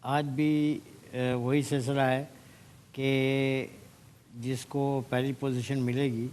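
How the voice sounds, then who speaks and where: A man's voice: mid-range voice, flat delivery, darkish tone, a little hiss or hum. A man, a senior judge, reflectively explaining word meanings to students and slipping into English phrases. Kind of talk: giving feedback to students. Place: TV studio.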